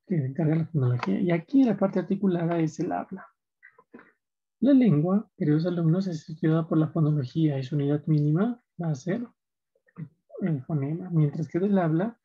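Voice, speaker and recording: A man's voice: a little high, husky. A male teacher giving a recorded slide lecture, explaining step by step and checking in with short tag questions. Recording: dull lo-fi recording.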